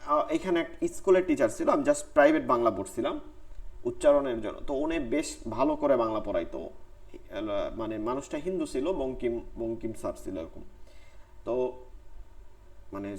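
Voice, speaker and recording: A man teaching Quran recitation in an online class, drilling letter sounds syllable by syllable. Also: medium pitch.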